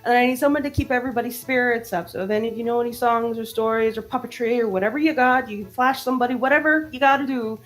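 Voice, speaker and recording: Woman voicing a tiny, shrill, bossy mouse sailor. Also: fairly even intonation, racing, few pauses, natural voice. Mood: urgent, commanding. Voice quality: tiny, sharp, piercing voice. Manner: brusque, relentless, breathless barking of orders. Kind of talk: in-character tabletop game role-play.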